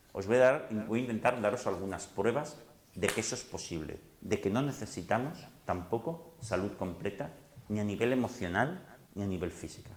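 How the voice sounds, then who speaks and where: Middle-aged Spanish man, animated psychologist-lecturer, conversational, recorded in an echoey hall. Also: medium pitch. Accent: Spain Spanish. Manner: animated, conversational, acts out little dialogues. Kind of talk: lively public talk to an audience.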